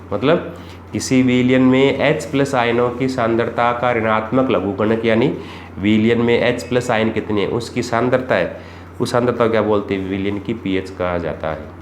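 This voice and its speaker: A man teaching chemistry for exams, asking rhetorical questions and repeating the key points. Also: mid-range voice. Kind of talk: exam-prep lesson. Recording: echoey room with faint background noise.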